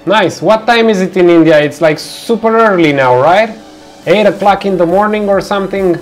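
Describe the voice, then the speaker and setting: A man's voice: high-pitched, soft background music. A young man with a Romanian accent who hosts a live stream, chatting casually with viewers while he works, with lots of fillers. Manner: chatty, reads out and answers viewer chat, relaxed unhurried, filler-heavy. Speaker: livestream host. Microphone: headset.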